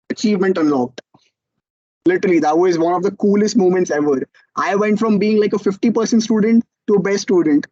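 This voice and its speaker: A young man with an Indian English accent gives a motivational talk about starting out. His voice sits high and he tells the story with animated energy, slipping into other people's voices. The sound is dry and a little dull. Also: no room sound. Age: young adult. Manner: animated storytelling, acts out quotes. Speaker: student entrepreneur speaker.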